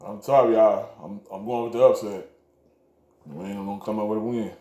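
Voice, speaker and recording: A man's voice: on the low side, fairly even intonation, fairly quick, mellow. A man co-hosting a casual sports chat, easygoing and often laughing at his own picks. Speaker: co-host making game picks. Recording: echoey room.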